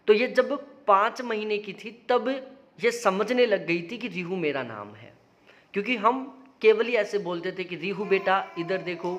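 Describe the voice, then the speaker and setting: A man's voice: high voice, a bit bright. A young man, a father, explaining patiently to camera in a parenting vlog and coaxing his baby. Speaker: father and vlogger.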